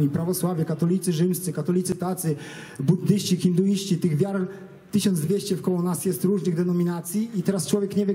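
Man sharing a nervous spoken testimony, high for his sex, fast. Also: mellow. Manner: earnest, halting, with many restarts and fillers. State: nervous, stage fright. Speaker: person giving a religious testimony. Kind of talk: spoken personal testimony to an audience.

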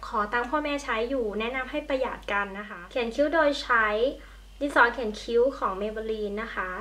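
A woman's voice: fairly high pitch, fairly quick, a bit bright. A young woman, a beauty vlogger at home, chatting casually while she walks through a makeup tutorial. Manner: chatty, friendly, talks while applying makeup. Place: at home by a window in natural light. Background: passing trains.

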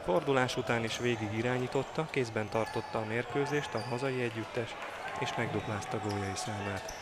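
A man's voice: medium pitch, heavy background noise. A man with a Hungarian accent reading a scripted sports match summary as a voice-over. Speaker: sports narrator. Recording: loud music under voice-over. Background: loud music.

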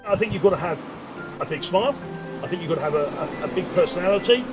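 Higher-voiced English man, hesitant, over music. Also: expressive, quick pace, low-quality recording. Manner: hesitant, repeating words as he explains. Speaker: town crier being interviewed. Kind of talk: informal interview explanation. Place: outdoors on a seaside pier bench.

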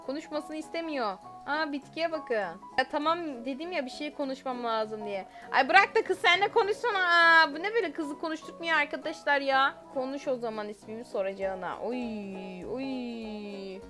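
A woman commentating her own gameplay as a YouTuber, excitable, exclaiming and giggling often. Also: high voice, moderate pace, few pauses, soft background music. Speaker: gaming YouTuber.

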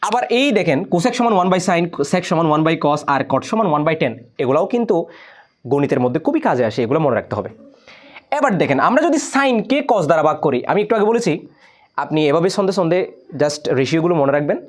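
Lively Bangladeshi Bengali male math teacher. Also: on the high side. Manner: explains step by step, repeats key words, drawn-out stresses. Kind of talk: recorded classroom lesson.

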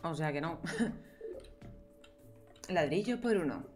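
Young woman chatting thru a game, kinda low voice, playful yelps, faint music behind. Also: lively intonation, slow pace. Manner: chatty, talks to herself and viewers, playful exclamations. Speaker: gameplay streamer. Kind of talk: casual gameplay commentary.

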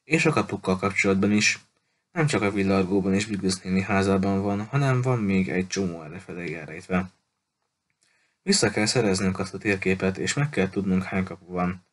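A male audiobook reader voicing a frustrated, determined boy with a grumbling, low-key delivery. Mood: resolute.

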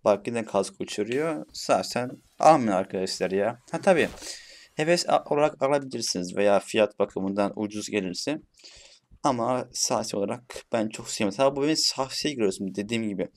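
A man's voice: on the low side, lively intonation, a little fast, a little hiss or hum. A young man giving casual gameplay commentary, chatty and cursing playfully at the bots. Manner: chatty, swears playfully at bots, shouts when frustrated. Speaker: gaming YouTuber.

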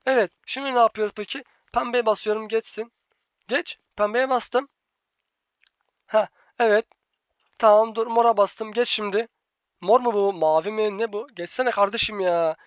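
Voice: medium pitch, steady tone, normal speed, long pauses, dry recording, muffled recording. A gaming channel host giving live gameplay commentary, bossy and exasperated, repeating instructions over and over to a teammate.

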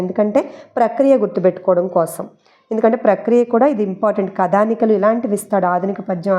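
A woman's voice: mid-range voice, dark tone, highs cut off. A woman teaching exam prep, chatting her way through memory tricks, repeating key points and mixing in English words. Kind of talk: explaining memory tricks for a Telugu syllabus.

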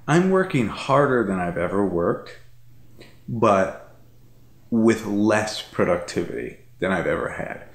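On a living room couch at night, a vlogger in his thirties chats casually, rambling, repeating himself, and using lots of fillers. His voice is fairly low, and the sound is roomy.

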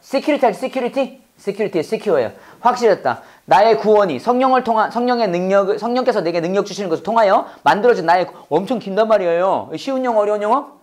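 A man teaching a Bible English class, leading call-and-repeat drills and quizzing his students in an animated, chatty way, with frequent laughs. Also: high voice, quick pace.

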